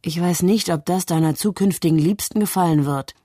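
A woman's voice: on the low side, a little fast, mellow, no room sound, lightly acted. A woman voicing an earnest young woman who talks in a sober, disapproving way, read in a dry studio. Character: serious, earnest young woman, a sensible sister. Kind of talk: literary reading.

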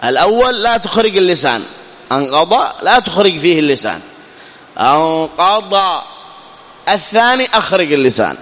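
A man teaching Quranic recitation rules, who asks and answers his own questions and slows right down to recite the example words. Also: high voice, big pitch swings, fairly bright tone, long reverb tail. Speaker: tajweed teacher. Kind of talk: recorded lesson explaining a poem.

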